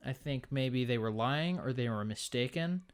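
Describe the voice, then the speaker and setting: A man co-hosting a podcast in casual chat, relaxed and quick to agree and chuckle. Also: mid-range voice, clear, resonant tone. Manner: laid-back, frequent agreeing "yeah", laughs along. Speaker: podcast co-host.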